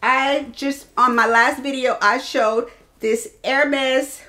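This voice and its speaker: This thirtysomething woman chats to her viewers in a fashion-vlogger style, showcasing products in a small indoor room full of clothing and bag shelves. She speaks slowly in a high, sharp voice with fairly even intonation.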